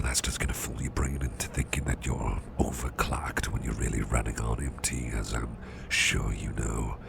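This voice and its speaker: In a soft ASMR roleplay, a man fully voices a protective, gentle boss comforting an exhausted employee, fussing over them with caring advice. He speaks in a very deep, gravelly half-whisper with hesitant, repeated phrases, giving close personal attention. The recording is close-miked, with loud background noise.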